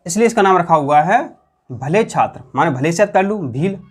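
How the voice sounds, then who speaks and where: A man's voice: fairly high pitch, lively intonation, normal speed, breathy edge. A man teaching an exam-prep lesson, asking questions aloud and repeating the answers in a colloquial way. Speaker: quiz teacher.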